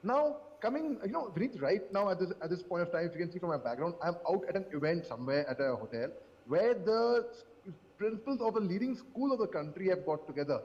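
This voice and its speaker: A man speaking as a panelist on a live news debate, animated and sarcastic, repeating phrases for emphasis, from a hotel event. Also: high voice, fast talker, in a large hall, lo-fi sound.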